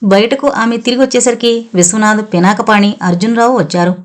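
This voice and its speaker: Woman reading a full novel aloud, steady narration. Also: fairly high pitch, fairly quick. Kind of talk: scripted storybook narration.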